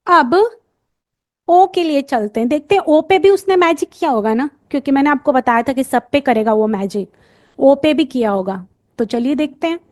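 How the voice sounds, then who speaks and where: An Indian woman teaching phonics, sounding letters out slowly and quizzing the listener as she goes. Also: high voice, lively intonation, a little mellow. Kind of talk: lesson for parents and teachers.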